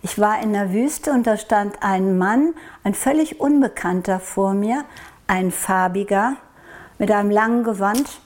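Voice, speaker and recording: A woman's voice: medium pitch, a little slow, a little mellow. A woman from Norway recounting a personal experience in an interview, speaking hesitantly and reflectively, often searching for words.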